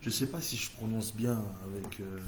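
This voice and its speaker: Hosting a church livestream, a man with an English-speaking accent leads a fervent, repetitive prayer in French. His voice is on the low side and moderately paced, with a little hiss or hum in the audio.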